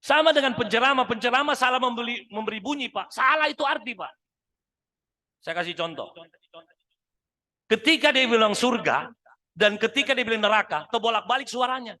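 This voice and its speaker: Animated male speaker, high voice, demonstrating tones for the congregation. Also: fairly quick, long pauses. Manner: animated, demonstrates different voices, addresses men as "Pak". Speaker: speaker at a midday mosque study session. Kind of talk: lively motivational talk with voice demonstrations.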